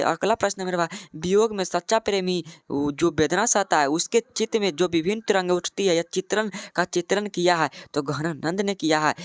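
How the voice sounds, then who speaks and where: A man's voice: high voice, dry recording, clean studio sound. A man teaching as an exam coaching tutor, repeating each question, then its answer, and calling the listener "my brother".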